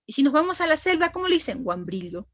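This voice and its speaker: A woman's voice: sits high, sing-song, fast talker, no room sound. A woman teacher, giving a classroom lecture and patiently asking the class questions and answering them herself.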